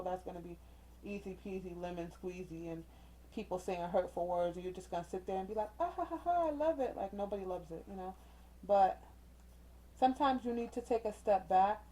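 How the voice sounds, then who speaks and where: A woman's voice: mid-range voice, warm tone, poor audio. Chatty woman reading oracle cards. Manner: chatty and encouraging, uses slang and mild cussing substitutes; talks straight to the viewer, checking in with "okay?". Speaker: tarot reader. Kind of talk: casual oracle card reading. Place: indoors with a ring light.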